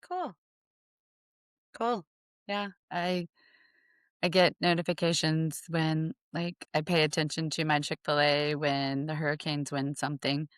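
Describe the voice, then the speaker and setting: A woman with a lowish voice chatting casually as a podcast co-host. She rambles and hesitates, restarting her sentences often. The sound is close and dry, with no room echo. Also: level tone, normal speed, smooth.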